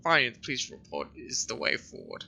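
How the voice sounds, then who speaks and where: A man reading a weary, haunted detective's thoughts aloud in a quiet, brooding tone. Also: mid-range voice, huge pitch swings, brisk, creaky, slight background noise, full character voice. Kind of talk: reading game dialogue aloud.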